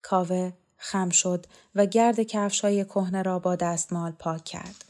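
A woman reading a novel aloud as an audiobook narrator, in a measured, even storytelling manner. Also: lowish voice.

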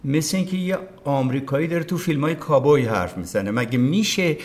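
A man's voice: a little high, animated. A man, a veteran broadcaster, talking as a podcast guest in casual conversation, emphatic and opinionated, often acting out what others said. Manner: emphatic, opinionated, acts out quoted speech.

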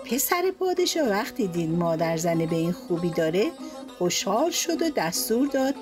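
A woman telling a folk tale aloud, with lively narration and changing voices for the quoted figures. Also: fairly low pitch, music in the background. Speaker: storyteller.

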